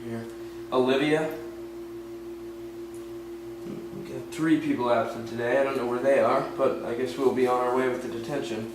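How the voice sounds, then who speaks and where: A young man playing a stern schoolteacher taking roll in a comic skit, with bossy, deadpan announcing. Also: medium pitch, normal speed, pauses often, lightly acted. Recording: echoey room, far from mic, noisy.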